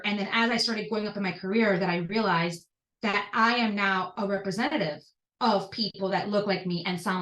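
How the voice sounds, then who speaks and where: A woman's voice: mid-range voice, fairly bright tone, reverberant, distant mic, rough recording. A woman in her thirties from Venezuela with a Venezuelan Spanish accent, telling her personal story earnestly as a podcast guest. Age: 30s.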